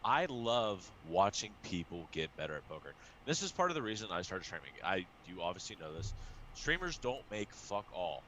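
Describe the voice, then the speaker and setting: A man chats about streaming and poker coaching, swearing freely and tripping over restarts. His voice sits a little low but sounds bright and forward. Faint background noise runs under him. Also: normal speed, rough recording. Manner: excitable, swears often, many restarts. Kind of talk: casual show chat.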